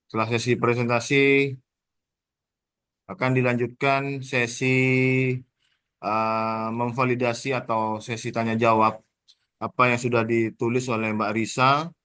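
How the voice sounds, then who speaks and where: A man's voice: mid-range voice, flat delivery, a bit bright, clean tone, dry recording. Formal male examiner on a video call. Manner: orderly, formal, with frequent "eh" pauses. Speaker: thesis examiner. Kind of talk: formal moderation of an online exam.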